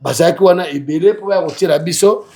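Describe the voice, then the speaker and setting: A man, a guest in an interview, talking with passion and rising to shouts when worked up. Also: fairly high pitch, a little fast. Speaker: guest, self-described resistance fighter and activist artist. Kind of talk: impassioned interview talk mixing two languages.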